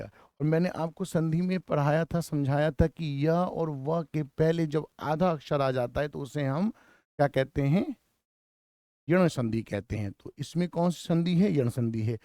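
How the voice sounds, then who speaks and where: A man teaching a grammar lesson, asking rhetorical questions and answering them himself, slowly spelling out word parts and repeating key terms. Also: a little high, warm tone, no room sound, clean studio sound. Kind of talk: classroom lecture.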